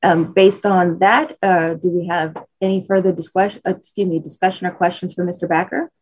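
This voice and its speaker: A woman's voice: fairly low pitch, fairly even intonation, a little fast, a little mellow, slightly rough, dry recording. A woman chairing a formal government commission meeting in a courteous, procedural manner.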